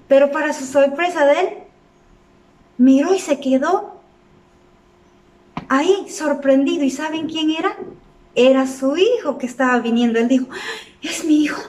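A woman tells a Bible story to children, checking in with them through frequent questions. Her voice is high and sounds distant in a roomy, echoing space. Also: unhurried, long pauses, darkish tone. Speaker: children's club Bible teacher. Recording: echoey room, voice from a distance.

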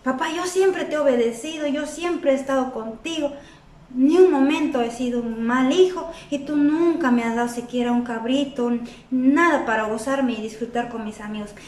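A woman's voice: high-pitched, moderate pace, a little mellow, natural voice. A woman voicing a resentful young older brother in a Bible story, complaining indignantly. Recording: echoey room, voice from a distance.

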